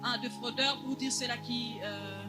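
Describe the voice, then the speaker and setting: A man interpreting a church testimony live, halting with frequent hesitations. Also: very high-pitched, steady tone, over loud music.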